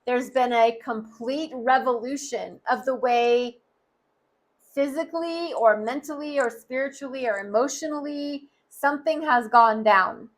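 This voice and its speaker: A woman's voice: sits high, a little slow. A woman giving a tarot card reading, speaking earnestly and straight to the listener. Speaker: tarot reader.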